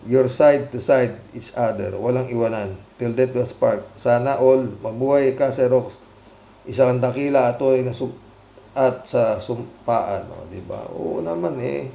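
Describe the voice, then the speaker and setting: A man's voice: medium pitch, unhurried, creaky, warm tone. A man hosting a casual commentary show, reading out viewer comments with sarcastic, mocking remarks and frequent laughter. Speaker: commentary channel host. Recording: roomy echo.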